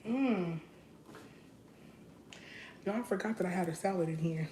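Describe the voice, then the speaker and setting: A woman's voice: lowish voice, unhurried, mellow, a little hiss or hum. A young woman chatting casually to her viewers while she cooks at home on a livestream, talking in a loose, rambling way. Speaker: vlogger cooking on a livestream. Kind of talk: casual live cooking chat. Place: home kitchen.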